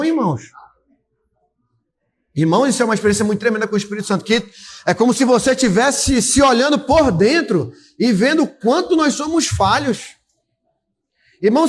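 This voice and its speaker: A man preaching a fervent sermon at a church service, exhorting and calling out to the congregation. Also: very high-pitched. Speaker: pastor.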